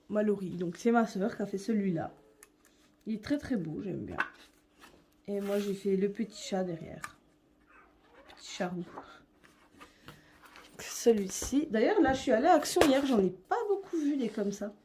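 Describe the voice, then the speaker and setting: Mellow-voiced woman chatting casually. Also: medium pitch, expressive, normal speed, pauses often, slight background noise. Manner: chatty, hesitant, many fillers. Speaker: vlogger. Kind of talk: casual chat showing her coloring books.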